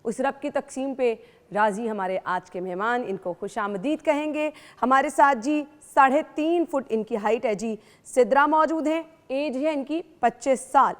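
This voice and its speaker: A woman with a Lahore Urdu accent hosting a TV interview, with a polite and warm manner. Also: high-pitched, a little slow. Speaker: TV show host. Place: TV studio. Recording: long hall reverb.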